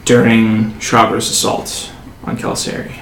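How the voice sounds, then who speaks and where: A man narrating as game master of a tabletop game, halting, with many fillers. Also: on the low side, monotone, creaky. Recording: echoey room, faint noise.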